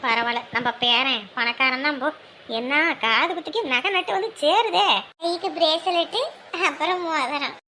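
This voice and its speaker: A woman playing a shrill, taunting grandmother. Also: moderate pace, pushed and bright, a little hiss or hum. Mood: gossiping. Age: older. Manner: taunting, sarcastic. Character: sharp-tongued gossiping village grandmother. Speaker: mocking older relative. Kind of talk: village family drama acting.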